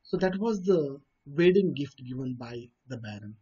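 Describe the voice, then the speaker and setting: A man's voice: mid-range voice, animated, normal speed, warm tone, slightly rough. A man with an Indian English accent reads a story and explains it in his own words, hesitating often with fillers and restarts. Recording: dull lo-fi recording.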